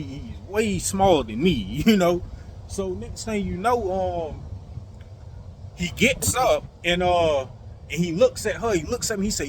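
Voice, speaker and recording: Animated man telling a wild story. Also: high-pitched, a little hiss or hum. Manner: animated, swears a lot, many fillers, acts out sounds. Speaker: vlogger telling a personal story. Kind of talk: casual storytelling to viewers.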